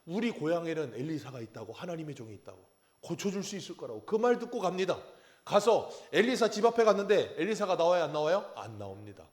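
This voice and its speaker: A man's voice: fairly high pitch, fast talker. A man preaching a Sunday sermon as pastor, telling Bible stories with acted quotes and questions to the congregation. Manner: animated storytelling, acting out biblical quotes and asking the congregation questions. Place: church sanctuary.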